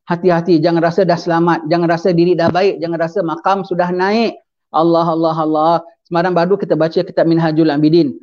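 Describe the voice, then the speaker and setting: In this muffled recording, a man's voice sits high yet carries a darkish tone. He's delivering a sermon, blending in English phrases and answering the very questions he puts to his listeners.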